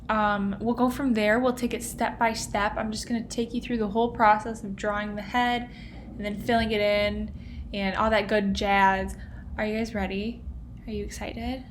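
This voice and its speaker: A woman's voice: a little high, a little hiss or hum. A young woman hosting a casual step-by-step drawing lesson, chatty and playful, with lots of "like" and "um". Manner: chatty and playful, many fillers like "like" and "um". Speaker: drawing tutorial host.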